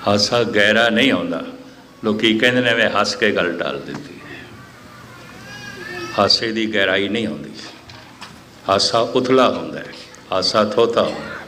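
Low-voiced preacher, measured repetition. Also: male voice, a little hiss or hum. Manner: measured, repetitive phrasing, quotes listeners in lively asides. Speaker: Sikh scripture preacher. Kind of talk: sermon. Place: gathering hall, abroad.

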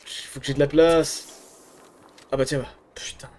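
A man giving casual let's-play commentary, excitable, swearing, and muttering to himself between outbursts. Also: fairly high pitch, normal speed, a little hiss or hum. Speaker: gamer streamer.

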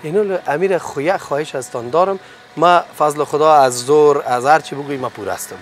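A man's voice: fairly high pitch, a little hiss or hum. A man hosting a hidden-camera prank, talking in a pushy, menacing way on a city street. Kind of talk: prank confrontation in casual street talk.

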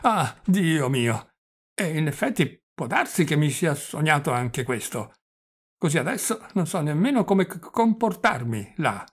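A man's voice: fairly high pitch, sing-song, measured pace, breathy edge, pitched above the performer's own voice, exaggerated voice. A man reading the part of a forgetful, rambling old prince who stammers and drops French phrases, in an audiobook. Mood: fretful. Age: older.

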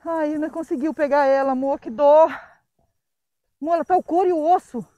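A woman's voice: high-pitched, racing, dark tone, no echo. A woman with a Brazilian Portuguese accent, filming a vlog outdoors on a phone and tenderly coaxing a stray dog. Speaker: vlogger rescuing a stray dog. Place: outdoors in scrubland by a car.

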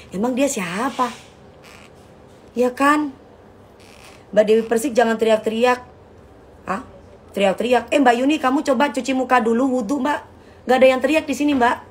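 Woman, middle-aged, brash live-stream host, fairly high voice, phone mic, casual chatter. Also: a little hiss or hum. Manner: brash, trash-talking, calls viewers "say" and "sayang".

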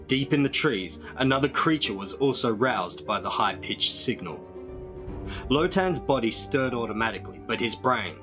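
A man reading a storybook aloud in a dramatic, measured way. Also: on the low side. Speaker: storybook reader.

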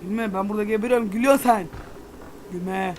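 A man's voice: sits high, brisk, darkish tone, slight background noise. Jumpy, swearing man playing a horror game. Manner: jumpy, panicky, swears a lot, yelps when scared. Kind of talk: casual let's-play commentary.

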